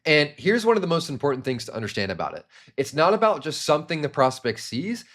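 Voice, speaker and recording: A young man in his twenties teaching sales to camera, energetic and demonstrating different tones with hand gestures. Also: on the high side, fast. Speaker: sales trainer. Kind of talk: instructional talk to camera.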